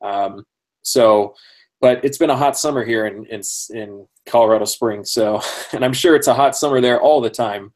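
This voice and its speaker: A man's voice: mid-range voice, moderate pace, a little mellow. A man hosting a casual interview, friendly and talkative, often laughing and using many fillers. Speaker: podcast host.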